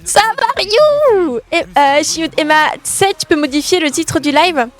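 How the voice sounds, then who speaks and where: A woman's voice: high-pitched, normal speed, a bit bright. A woman streaming live from her bedroom, chatting with her viewers, greeting them by name and correcting herself as she goes. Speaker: gaming streamer. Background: faint music.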